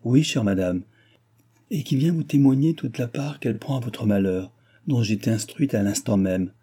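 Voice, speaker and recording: A man's voice: mid-range voice, moderate pace, dark tone, breathy edge, close to an everyday voice. A man voicing a scheming noble countess who speaks with false, honeyed politeness. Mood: sugary.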